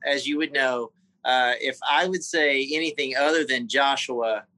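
A man with a Southern US accent, a guest in a personal interview, talking haltingly with many fillers and repeated words. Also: mid-range voice, sharp tone, dry recording, low-quality recording. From South Carolina.

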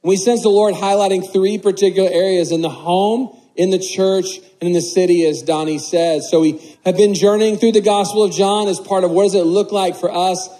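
A male pastor with a hoarse, gravelly rasp from a lingering cough, preaching in an earnest, unhurried way. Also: sits high, fairly even intonation, warm tone, rough recording. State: getting over a cough. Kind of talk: sermon with prayer and scripture reading.

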